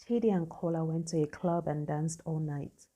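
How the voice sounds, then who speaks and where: A woman narrating a scripted story in an even, matter-of-fact way. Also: low voice, moderate pace.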